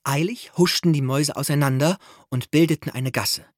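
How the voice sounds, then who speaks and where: A man reading a children's audiobook aloud in an expressive storytelling manner. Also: a little high, moderate pace, dry recording, studio quality. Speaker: narrator.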